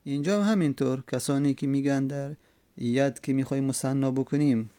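A man explaining an Arabic grammar text in a slow, repetitive way, with many hesitations. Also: mid-range voice, mellow, no room sound.

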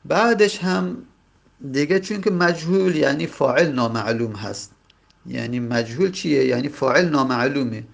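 Teaching grammar with a Persian accent, this man has a medium-pitched, creaky voice, and the sound quality is lo-fi. He goes step by step, rephrasing each point a second time.

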